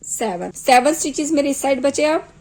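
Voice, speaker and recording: A woman with a sore throat teaching knitting step by step, calmly counting stitches aloud one at a time. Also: sits high, normal speed, rough recording. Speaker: knitting tutor. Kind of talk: slow step-by-step craft tutorial.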